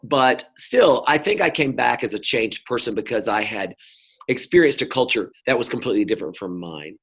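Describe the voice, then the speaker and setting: A man's voice: mid-range voice, animated, normal speed, a bit bright, breathy edge. A middle-aged man from North Carolina, talking as an interview guest in a rambling, casual way, with many fillers and restarts. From North Carolina, US South. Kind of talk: casual conversation.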